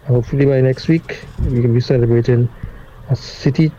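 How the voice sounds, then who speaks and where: A man calling in with a voice note that is played back over a speaker; he talks in a measured, hesitant way with many restarts. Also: mid-range voice, steady tone, dark tone. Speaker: caller sending a voice note. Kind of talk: voice message. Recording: dull lo-fi playback with faint noise.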